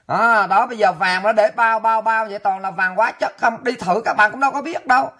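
A woman's voice: on the high side, brisk, pushed and bright. A woman delivering an angry, profane, taunting rant as a political vlogger. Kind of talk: ranting monologue.

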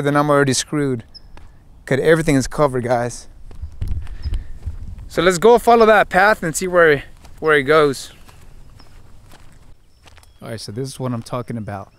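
A man in his twenties, with a slightly high voice, thinks aloud while exploring an open hillside dotted with brush. It's casual vlog narration aimed straight at viewers, recorded on a handheld camera held at arm's length.

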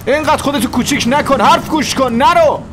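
A man's voice: on the high side, very animated, slight background noise. A man dubbing a loyal, blunt brother in a television drama, pleading with and scolding his sibling. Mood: insistent. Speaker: worried younger brother. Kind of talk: Persian dub of a TV drama.

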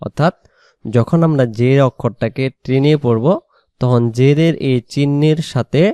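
A man teaching Quran reading, patiently spelling out and slowly drawing out Arabic syllables and repeating them. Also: mid-range voice, warm tone, clear, resonant tone, no room sound. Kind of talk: spelled-out recitation lesson.

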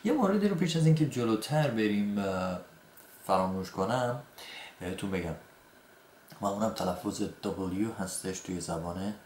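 A man whose first language is Persian, teaching an English grammar lesson and saying his example sentences slowly and carefully. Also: fairly low pitch, lively intonation, a little mellow. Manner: slow, deliberate example sentences between quick explanations. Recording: echoey room, faint background noise.

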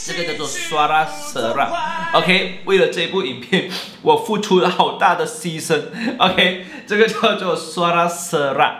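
A man, teaching a playful video lesson in an animated, jokey way and mixing in English and Malay words. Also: a little high, measured pace, hardly any pauses. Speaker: language teacher. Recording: roomy echo.

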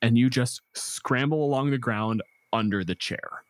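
A man serving as game master narrates a tabletop role-playing game in a conversational, descriptive style. His mid-range voice moves at a measured pace over plucked guitar music in the background.

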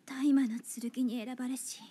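A woman playing a young princess in a game cutscene, reciting a ceremonial blessing in a solemn, formal, measured manner. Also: sits high, steady tone, dark tone, husky. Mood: solemn, reverent.

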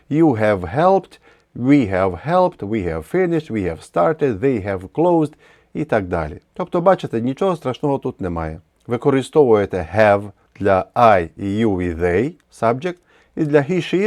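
A man's voice: mid-range voice, darkish tone, no room sound, clean studio sound. A man teaching English grammar with a Ukrainian accent, explaining patiently step by step with many repeated examples.

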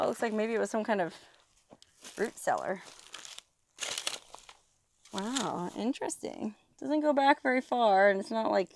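A woman in her thirties explores outdoors and inside an old mine, narrating to a handheld camera with excitable, easily amazed energy. Her mid-range voice is gravelly, and there's slight background noise.

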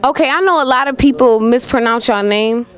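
Brief: teen girl host, chatty and upbeat, high voice. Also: fairly quick. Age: teens. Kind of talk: teen TV interview.

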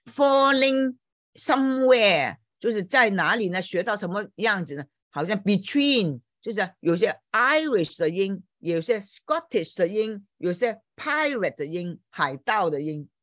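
A woman's voice: medium pitch, expressive, measured pace, few pauses, fairly bright tone, no room sound, studio quality. A woman volunteer teacher giving an online English lesson in Chinese, explaining patiently, repeating words and spelling them out letter by letter. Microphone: computer mic on a video call.

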